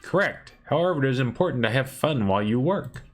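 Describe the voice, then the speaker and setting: A man's voice: medium pitch, animated, brisk, natural voice. A man reading the lines of a literal-minded robot arm helper in a game, only lightly changing his voice. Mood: plain.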